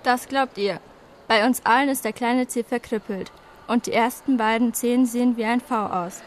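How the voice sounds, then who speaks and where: A proud statue goddess, played by a woman, slightly high in pitch. She explains and corrects matter-of-factly in an audio play, over faint background noise. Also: steady tone, moderate pace, lightly acted. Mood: proud, explaining. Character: proud, matter-of-fact marble victory goddess statue, female. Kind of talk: educational audio drama.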